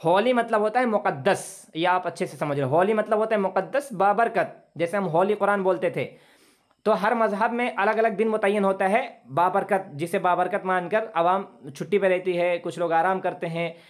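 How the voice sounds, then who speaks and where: Patient man teaching English grammar. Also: sits high. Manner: patient, repeats phrases slowly for students. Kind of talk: classroom lesson explaining grammar.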